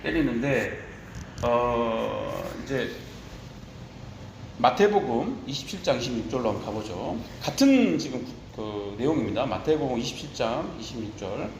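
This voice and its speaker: A man's voice: mid-range voice, lively intonation, unhurried, creaky, roomy sound, slight background noise, low-quality recording. A man preaching a sermon as pastor, impassioned, shifting into tender quoted speech.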